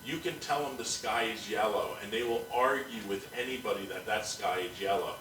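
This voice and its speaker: A man's voice: fairly low pitch, a little fast, a bit bright, reverberant, recorded from a distance, faint music behind, rough recording. A man hosting a podcast in casual chat, talking bluntly and profanely in a ranting way. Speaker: podcast host.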